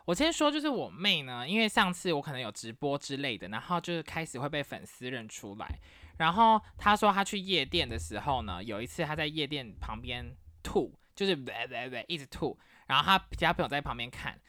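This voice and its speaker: In studio-quality sound with no room noise, a woman from Taiwan talks a little quickly in a very deep voice. As a podcast host, she chats her way through family anecdotes, animatedly voicing every relative she quotes.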